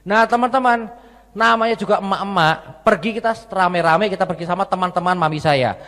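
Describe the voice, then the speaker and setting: A man preaching a sermon in a large church, telling stories in a lively way and often adding tag questions. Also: sits high, a little fast. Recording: long church hall reverb.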